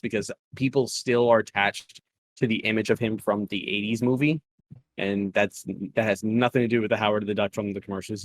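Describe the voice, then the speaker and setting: A man's voice: fairly low pitch, no room sound. Chatty man rambling through a review. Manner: rambling, restarts often, chuckles at nitpicks. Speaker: co-host reviewing an animated episode. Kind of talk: casual review chat.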